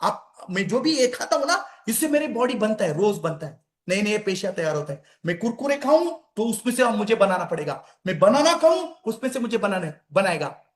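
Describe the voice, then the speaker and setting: A man's voice: high-pitched, big pitch swings, fairly quick. A man giving a conversational health talk to an audience, repeating phrases for emphasis and calling his listeners friends. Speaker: health and wellness speaker. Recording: echoey room.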